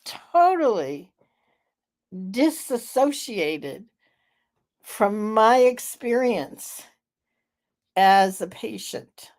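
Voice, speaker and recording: A woman in her seventies hosting a live vlog, telling a story in a slow, chatty way with many fillers. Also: fairly high pitch, expressive, a little mellow. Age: 70s. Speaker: vlog host. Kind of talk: casual live vlog chat.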